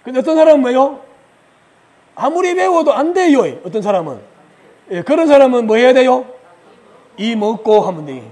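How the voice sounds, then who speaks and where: A man giving a lively lecture at a religious retreat, asking questions of the audience, answering them himself and chuckling as he goes. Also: very high-pitched, moderate pace, pauses often. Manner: chuckles often while he explains.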